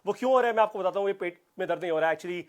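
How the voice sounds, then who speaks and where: High-pitched, high-energy male business coach. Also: very fast. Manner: high-energy, emphatic, repeats phrases for punch. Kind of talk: live online business class with audience shout-outs.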